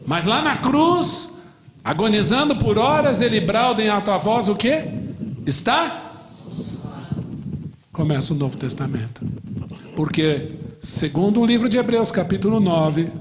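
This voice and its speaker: A man from Brazil, a middle-aged pastor, teaching a lively Bible class, asking the class questions and joking. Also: sits high, normal speed, in a large hall, noisy background. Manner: animated, asks the class questions and jokes.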